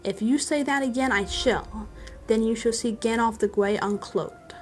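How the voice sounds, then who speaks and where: A woman reads a storybook, performing a grave, elderly male wizard with a stern, commanding, measured advisory manner. She sounds natural, slightly high, and darkish in tone, with faint music behind her and a stern, warning mood.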